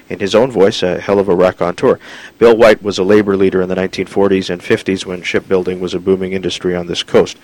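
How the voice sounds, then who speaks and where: A man hosting an interview, measured and full of "uh" fillers. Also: low-pitched, poor audio. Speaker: radio interview host. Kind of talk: interview with a scripted introduction.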